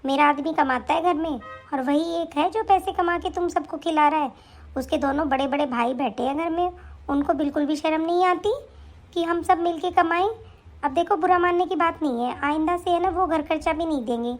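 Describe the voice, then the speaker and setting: महिला द्वारा सपना: डाँटती, ताने देती, ऊँची आवाज़ वाली बहू, कार्टून कहानी।. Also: female voice, high voice, normal speed, faint music behind, natural voice. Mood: scornful. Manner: scolding, sharp and taunting. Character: young wife Sapna, harsh, stingy and scornful. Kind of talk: animated story voice acting.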